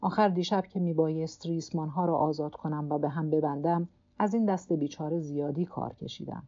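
A weary old fisherman alone at sea mutters gruffly to himself and scolds his own stiff hand, as a woman reading the book gives him voice. The tone sits low and mellow, a little louder than the narration, on a slightly dull lo-fi audiobook recording. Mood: muttering to himself. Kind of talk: audiobook character voice.

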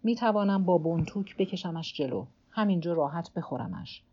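A woman's voice: fairly low pitch, husky, dull audio. A woman voicing a weary old male fisherman alone at sea, who mutters stubbornly to himself and to his cramped hand in an audiobook. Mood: muttering to himself. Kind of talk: audiobook character voice.

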